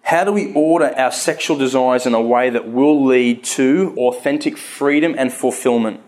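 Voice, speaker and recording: This man's voice is medium-pitched and darkish, at a moderate pace. In his thirties and living with a stutter, he often restarts words while giving an earnest, candid personal talk on faith before a live audience.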